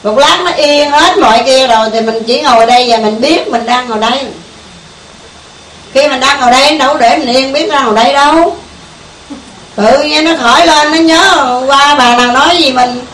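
Giving a casual Buddhist meditation talk, a Southern Vietnamese-accented woman chats with the group and often puts questions to them. Her voice sits high and is a bit bright, at a moderate pace. Faint hiss, a distant mic and an echoey room mark the recording.

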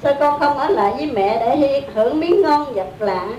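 A woman with a Southern Vietnamese accent voicing a grieving elderly mother who laments her dead child in a slow, mournful way. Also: animated, warm tone, lo-fi sound. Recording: echoey room, distant mic, faint rumble.

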